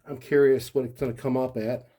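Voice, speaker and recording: Here a male collector reviews a gadget in a warm, medium-pitched voice, brisk and rather flat in delivery. Even so, he stays casual and unscripted, thinking out loud as he presents it.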